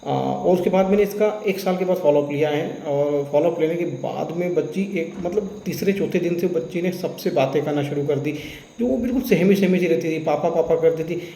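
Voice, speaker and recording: A homeopathic doctor explaining a patient case in a lecture, retelling what happened with quoted dialogue and slipping into terms spoken. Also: male voice, on the high side, brisk, vocal fry, warm tone, reverberant, slight background noise, low-quality recording.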